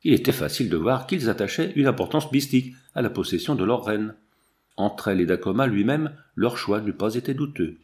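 A man's voice: fairly low pitch, lively intonation, darkish tone. Man reading a story aloud. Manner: measured, dramatic storytelling. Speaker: audiobook reader. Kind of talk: audiobook narration.

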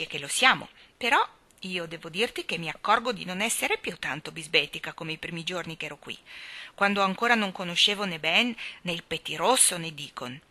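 A stubborn young girl from a storybook, blunt and quick-tempered, pressing her point hard, as a woman reads her aloud. The voice sounds bright and keen. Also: fairly low pitch, heavily acted.

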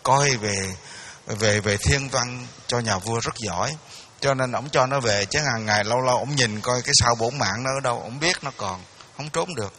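A man's voice: medium pitch, moderate pace, sharp tone, a little hiss or hum. A man with a Southern Vietnamese accent giving a dharma talk, telling an old folk tale in a folksy, repetitive way with many restarts. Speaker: dharma teacher. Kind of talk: storytelling sermon.

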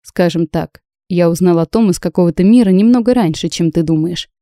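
Audiobook casting: a woman playing a calm, playful male mage, low and hushed, warm tone, dry close sound. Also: brisk, no echo, natural voice. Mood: teasing.

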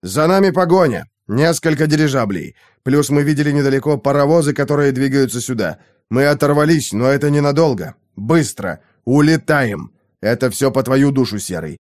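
A man voicing an anxious male airship captain who reports quickly and urgently in an audiobook. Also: medium pitch, animated, no echo, clean studio sound, natural voice. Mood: alarmed.

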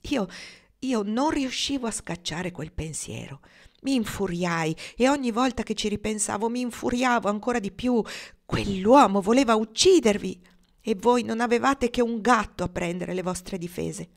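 A woman's voice: medium pitch, moderate pace, pitched above the performer's own voice, natural voice. A woman reading the part of an earnest, romantic young gunslinger man, speaking in heartfelt declarations.

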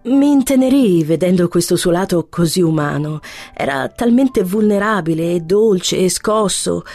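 A woman voicing a famous actress, recalling a love in a soft, reflective way over quiet music. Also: fairly low pitch, animated, moderate pace. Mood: tender. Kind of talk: dramatized reading on radio.

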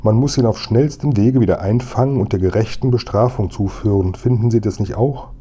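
A man's voice: on the low side, brisk, warm tone, husky. A man voicing a proper old grandmother who exclaims in indignation. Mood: indignant. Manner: prim, outraged exclamations.

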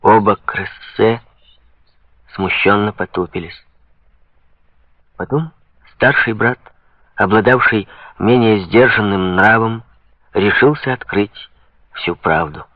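A man narrating an audiobook in a measured, even reading, in a dull lo-fi recording. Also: fairly low pitch, dry recording. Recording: dull lo-fi sound.

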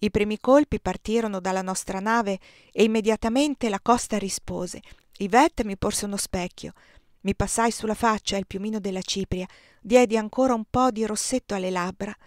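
Woman, audiobook reader, first-person narration, expressive, dry close sound. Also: medium pitch, normal speed, no room sound. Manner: expressive, lively reading.

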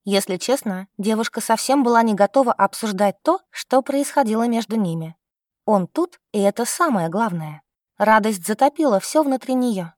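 A woman's voice: on the high side, expressive, moderate pace, dry recording, studio quality. Woman narrating a romance audiobook.

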